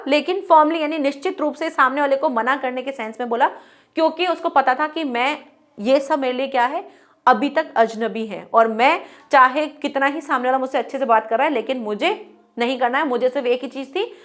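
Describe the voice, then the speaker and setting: High-voiced woman teacher explaining in Hinglish. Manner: explains in Hindi mixed with English words, asking herself rhetorical questions; acts out little exchanges of dialogue to make points. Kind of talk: Hindi-medium English lesson explanation.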